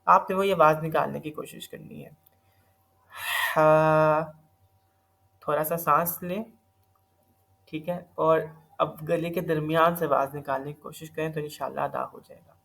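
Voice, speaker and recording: A man's voice: fairly high pitch, steady tone, gravelly, bright, forceful tone. Patient male recitation teacher, slightly sore throat. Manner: patient step-by-step explaining, mixing in English terms. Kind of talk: recorded online lesson.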